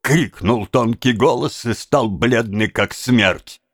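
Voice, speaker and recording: A man reading a novel aloud as narrator, expressive and unhurried. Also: mid-range voice, dry recording, clean studio sound.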